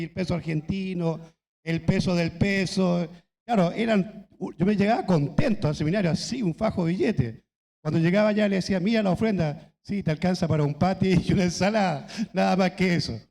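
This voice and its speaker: A middle-aged man from Chile preaches at a church anniversary, his voice pitched a little high. He tells his stories in a relaxed, chatty way, and a long church-hall reverb trails after his words. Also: creaky. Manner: conversational storytelling with laughs and asides. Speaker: pastor. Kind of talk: anniversary sermon with anecdotes.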